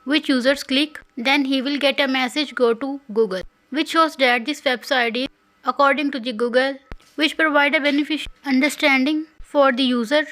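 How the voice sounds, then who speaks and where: A woman's voice: high voice, fairly even intonation, normal speed, fairly bright tone, rough recording. A woman narrates a coding tutorial in a careful, instructional way, with phrasing. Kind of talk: scripted screen-recorded tutorial narration.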